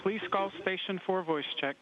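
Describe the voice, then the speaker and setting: A man's voice: sits high, normal speed, a crowd in the background. A man making clipped radio-protocol calls as a mission control radio caller, heard over a space-to-ground radio link. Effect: space-to-ground radio communication. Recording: muffled radio channel, distant.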